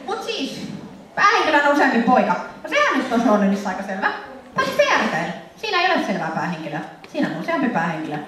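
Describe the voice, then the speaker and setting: A young Finnish woman, her voice a little high, presents a lively convention panel to an audience, laughing and acting out scenes in funny voices. She sounds far off in an echoey hall, with faint noise in the background.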